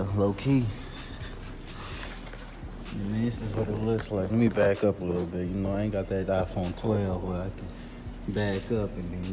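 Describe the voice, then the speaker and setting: A man casually chatting in slang while working on his car outdoors, filmed on a phone camera. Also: fairly low pitch. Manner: laid-back, slangy, chatty. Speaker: car vlogger. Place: outdoors beside a car in the cold.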